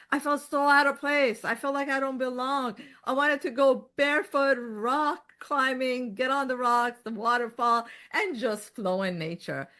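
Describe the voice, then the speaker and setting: A middle-aged woman from Iran, a guest in an interview, talking in a lively way and often laughing as she tells her story. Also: a little high. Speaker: podcast guest. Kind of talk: conversational interview.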